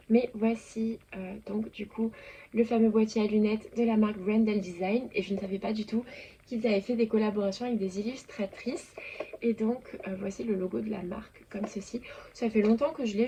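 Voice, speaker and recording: A woman's voice: medium pitch, warm tone, a little hiss or hum. A young woman hosting her lifestyle channel, chatting casually and enthusiastically with many little fillers. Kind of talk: casual chat to camera.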